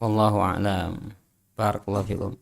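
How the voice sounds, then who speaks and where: A man's voice: on the low side, flat delivery, normal speed, creaky. A man teaching an Islamic study class. He reads Arabic text aloud, translates and explains it, and drills his students with short questions. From Indonesia. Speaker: religious teacher.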